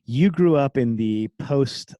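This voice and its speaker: A man's voice: mid-range voice, expressive, slow, dark tone, no room sound. Man, middle-aged, podcast guest, candid, laughs a lot, dry close sound. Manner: candid, laughs often, trails off and restarts. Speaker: guest, former special forces operator. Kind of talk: casual podcast conversation.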